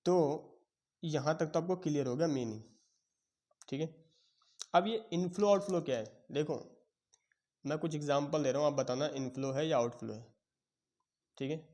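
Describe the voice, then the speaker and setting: A man teaching accounting in a lecture, explaining step by step and checking in with his students. He has a sore throat and often clears it. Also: fairly high pitch, moderate pace, long pauses, mellow. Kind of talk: classroom lecture.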